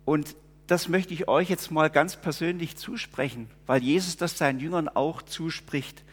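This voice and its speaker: A man's voice: a little high, moderate pace, husky. A preacher, explaining scripture in an earnest, conversational sermon. His voice carries a long reverb through a church.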